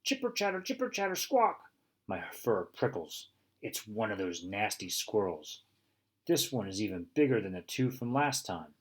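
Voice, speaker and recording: Husky male storybook narrator. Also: moderate pace. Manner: expressive, with bursts of high excitement. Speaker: audiobook reader. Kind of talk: first-person storybook narration.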